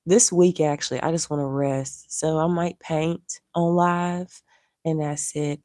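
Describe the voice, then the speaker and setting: A woman with a low, somewhat strained voice talks to her livestream viewers from home. She is losing her voice and keeps it down, yet she scolds bluntly and swears freely. The sound is close and dry, with no room echo. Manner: blunt, profane, half-hushed scolding. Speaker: social media artist and streamer. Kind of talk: live-stream rant to viewers.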